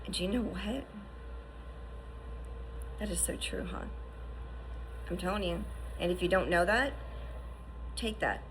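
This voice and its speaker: A woman in her fifties, a survivor, shares her personal story with earnest encouragement, frequently restarting and asking "right?". Her voice is fairly low with vocal fry, and there's background noise.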